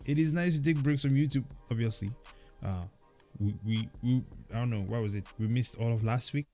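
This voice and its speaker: A man's voice: medium pitch, fairly quick, mellow, soft background music. A man co-hosting a casual chat show, talking animatedly and preachily, often tagging his points with "man" and "okay". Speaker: podcast co-host.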